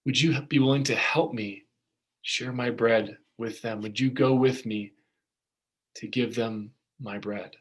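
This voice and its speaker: A man voicing a kind, generous man who offers free bread, speaking gently and warmly welcoming. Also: medium pitch, steady tone, a little slow, breathy edge. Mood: gentle.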